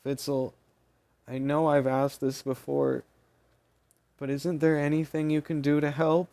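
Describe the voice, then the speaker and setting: A man's voice: a little high, level tone, unhurried, vocal fry, dark tone, pitched above the performer's own voice. A man voicing Maney, a frantic tearful young woman. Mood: pleading. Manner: urgent, breathless pleading.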